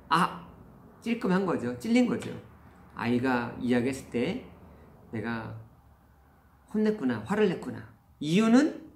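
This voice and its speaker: A middle-aged man, a father and parenting host, earnestly telling a personal story about his child. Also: a little high. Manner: earnest, confessional. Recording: roomy echo.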